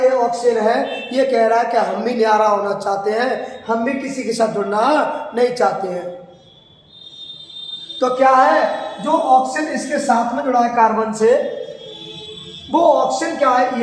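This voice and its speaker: A man with a very high voice lectures on chemistry, pulling students along with repeated questions and drawn-out words. His voice rings around a large, echoing room with a long tail of reverb. A faint hiss sits underneath. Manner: asks students questions and answers them himself. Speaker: chemistry teacher. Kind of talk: classroom lecture.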